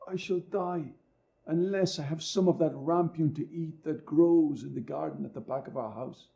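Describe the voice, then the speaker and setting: A man's voice: a little high, moderate pace, creaky, mellow, pitched above the performer's own voice. A man doing a pining, plaintive young wife. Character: pale pining young wife, longing and desperate.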